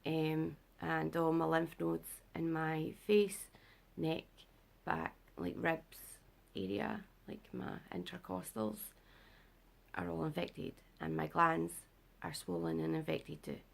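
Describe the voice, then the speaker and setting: In a casual health update vlog, a young British woman speaks slowly to camera in a low, deep voice made heavily gravelly and rough by illness. Unwell and sleep-deprived, she sounds worn out and rambles with lots of fillers.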